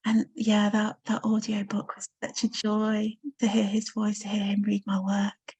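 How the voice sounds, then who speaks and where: A woman from Coventry, England, speaks with a Coventry English accent in a medium-pitched, monotone, breathy voice at a measured pace. She is a novelist appearing as a guest in a casual interview, chatty and full of ums and warm, easy laughter.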